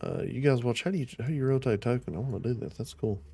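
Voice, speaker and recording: Young guy running a tabletop game online, jokey, cusses, warm low-key voice. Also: animated, fast, gravelly, breathy edge. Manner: joking, swears casually. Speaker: game master.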